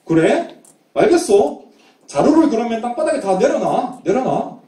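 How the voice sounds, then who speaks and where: A man voicing an angry male steward who shouts accusations at travelers, telling a Bible story to children. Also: very high voice, very animated, moderate pace, pitched above the performer's own voice. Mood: curt. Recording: echoey room, mic at a distance.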